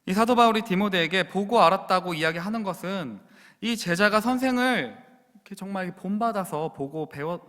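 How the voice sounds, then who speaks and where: A man's voice: sits high, a bit bright. A man preaching a sermon as pastor in a church, earnestly putting questions straight to the congregation. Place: church sanctuary. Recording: long church reverb.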